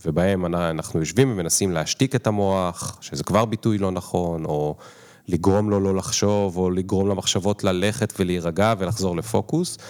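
A man's voice: sits low, darkish tone. A man hosting a podcast, asking long, searching questions and playing down his own knowledge. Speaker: podcast host. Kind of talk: interview questions.

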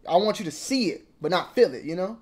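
A young man vlogging about sneakers in slangy, repetitive casual talk that swings between mumbling and loud outbursts. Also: high-pitched, animated, fast, slightly rough. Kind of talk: casual ranting commentary.

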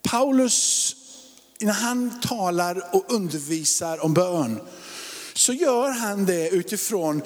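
A man in his forties, a pastor preaching a sermon, rising to loud emphasis and dropping to hushed whispers. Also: high-pitched, animated. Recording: long hall reverb.

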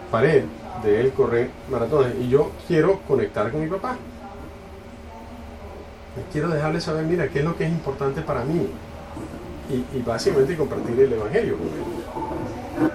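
A man preaching in church, with the talk of a conversational storyteller who stops and restarts his phrases. His voice sits in a middle pitch. It is picked up from a distance, with steady noise in the room. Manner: conversational, halting, self-correcting. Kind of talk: sermon with a personal story. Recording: distant mic, noisy room.

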